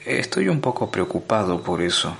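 A man's voice: on the low side, very animated, normal speed, gravelly, a bit bright, slight background noise, full character voice. A man voicing a bewildered, anxious ordinary man who keeps questioning in disbelief. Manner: anxious, incredulous.

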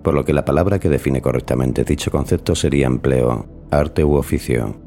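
A man hosting a podcast in measured, formal, scripted narration. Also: a bass voice, vocal fry, mellow. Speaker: podcast host.

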